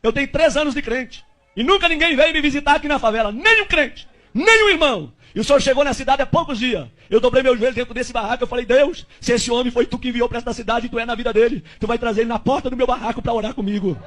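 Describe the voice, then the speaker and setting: A man's voice: extremely high pitch, fast talker, a bit bright. A man voicing a poor, devout convert from the slums who talks fervently and with exclamations. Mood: overjoyed.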